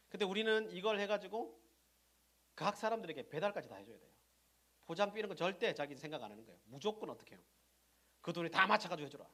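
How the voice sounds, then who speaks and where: Man, middle-aged, pastor, sermon, high-pitched, question-and-answer delivery, loud emphasis and soft asides. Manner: asks the congregation questions and answers them himself.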